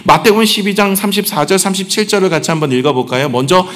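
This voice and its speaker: 중년 남성 목사, 설교, 높은 목소리, 회중에게 질문하며 친근한 말투, 울림 큰 예배당. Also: male voice, high voice, fast, a bit bright. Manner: conversational preaching, asks the congregation questions, self-deprecating humor. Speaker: senior pastor. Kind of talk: sermon. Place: church sanctuary. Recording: long church hall reverb.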